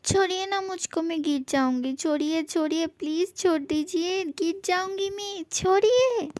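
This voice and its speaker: A woman's voice: high voice, unhurried, darkish tone, dry recording. A woman playing a playful, teasing young wife in a fan audio drama, who taunts and sweetly coaxes. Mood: squealing protest.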